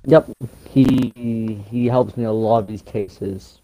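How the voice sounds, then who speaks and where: A man playing a hesitant seventy-year-old retired explorer in an improvised game role-play, talking haltingly as an old man. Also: on the low side, fairly even intonation, dark tone, a little hiss or hum, low-quality recording. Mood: hesitant, explaining.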